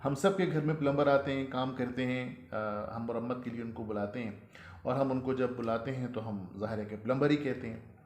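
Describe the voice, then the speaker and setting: A man with a Pakistani Urdu accent giving a pronunciation lesson, explaining slowly and repeating each word. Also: mid-range voice, fairly even intonation, a little mellow, roomy sound. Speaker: teacher.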